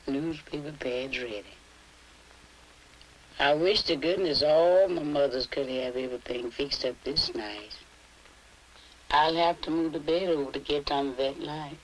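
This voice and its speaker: A middle-aged woman with a slow Southern US drawl, talking soothingly and reassuringly as a midwife at work in a 1950s documentary film. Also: deep voice, slight background noise, low-quality recording. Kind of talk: 1950s documentary, talking to a patient while working.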